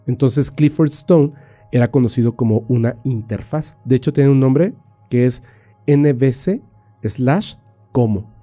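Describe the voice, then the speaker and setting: A man with a very dark, mellow voice tells a story on a podcast. He keeps it casual and animated, leans on fillers and now and then imitates sounds with his mouth. Faint music plays underneath. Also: medium pitch, unhurried.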